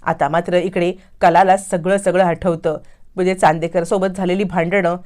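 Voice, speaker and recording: A woman's voice: on the low side, little pitch movement, a little mellow. Woman retelling a TV serial plot. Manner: brisk storytelling, acts out all dialogue. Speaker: narrator. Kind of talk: serial episode recap narration.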